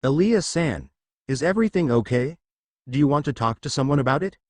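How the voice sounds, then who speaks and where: A caring young female classmate who asks quickly and with concern, as a man reading the story puts her on. The voice stays near his own. The sound is dry and close. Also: medium pitch, lively intonation, dry recording, natural voice.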